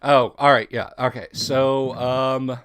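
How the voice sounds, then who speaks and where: A man running a tabletop role-playing game as dungeon master, narrating in an unhurried way with plenty of ums and uhs. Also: medium pitch, level tone, fairly bright tone, clear, resonant tone.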